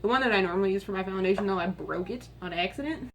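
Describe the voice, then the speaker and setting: A young woman with a raspy voice, chatting candidly and rambling a little as she does her makeup in a get-ready-with-me video at home. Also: mid-range voice, rapid-fire, fairly bright tone, slight background noise. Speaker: beauty vlogger.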